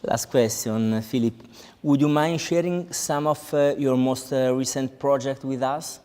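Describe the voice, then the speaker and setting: Polite male interviewer, smooth voice. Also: mid-range voice, fairly even intonation, unhurried, a little mellow, long reverb tail. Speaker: interviewer, magazine director. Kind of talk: interview questions.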